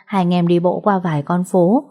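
A woman narrating a story in a calm, even, scripted storytelling manner. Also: fairly low pitch, normal speed.

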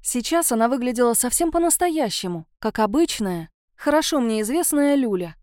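A woman narrates a first-person audiobook story, expressive and measured. Her voice sits somewhat high. The recording is close and dry. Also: no echo.

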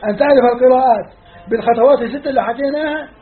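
High-voiced Levantine religious teacher. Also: male voice, racing. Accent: Levantine Arabic. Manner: emphatic, repeats and counts off points. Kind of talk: classroom lecture on scripture study. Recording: phone-like narrow band.

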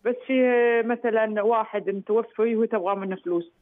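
A woman's voice: mid-range voice, fairly quick, dry recording. A woman calling a radio show by phone, explaining hesitantly with many restarts. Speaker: caller. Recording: tinny phone line.

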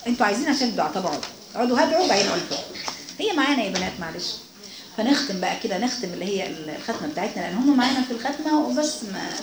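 Fast, emphatic Egyptian woman teacher. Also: mid-range voice. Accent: Egyptian Arabic. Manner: emphatic, exhorting. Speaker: religious teacher. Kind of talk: religious lesson to a women's circle. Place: hall with a seated group of women. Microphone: microphone. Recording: roomy, noisy room sound.

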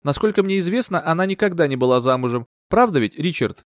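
A man voicing a sharp-tongued young gentry woman who speaks briskly and pointedly. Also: fairly high pitch, lively intonation, no room sound, clean studio sound, pitched above the performer's own voice, close to an everyday voice.

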